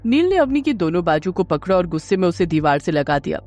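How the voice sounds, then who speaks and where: A woman storyteller reading a scripted romance audio story in a steady, dramatic way. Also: fairly low pitch, fast talker. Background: faint music.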